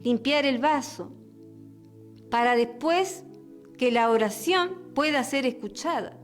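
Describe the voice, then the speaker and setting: A woman's voice: sits high, slow pace, soft background music. A woman preacher on a radio program, giving an earnest sermon and a long prayer, often repeating and restarting her words.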